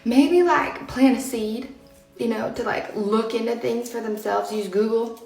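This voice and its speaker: Gravelly woman chatting away, kinda far from the mic in an echoey room, faint music. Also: on the high side, a little slow. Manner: chatty, animated, acts out quoted lines in hushed whispers. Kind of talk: casual storytelling.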